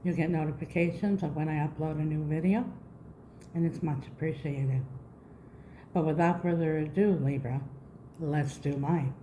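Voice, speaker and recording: Low-voiced lisping woman, mellow. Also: fairly even intonation, moderate pace, pauses often, a little hiss or hum, poor audio. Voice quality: lisping after mouth surgery. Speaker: tarot reader, channel host. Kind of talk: spoken tarot reading to viewers.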